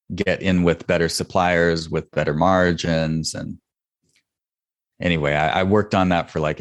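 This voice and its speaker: Deep-voiced male podcast guest, dry sound. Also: no echo. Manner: loose storytelling with fillers and acted quotes. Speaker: podcast guest, business founder. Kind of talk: casual interview.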